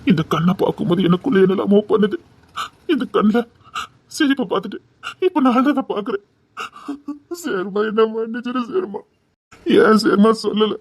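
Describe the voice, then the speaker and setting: A woman playing a police officer who is a heartbroken lover in an audio drama, speaking with a Tirunelveli Tamil accent in a hushed, urgent way that turns mournful. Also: mid-range voice, animated, fast, long pauses, slightly rough, no room sound.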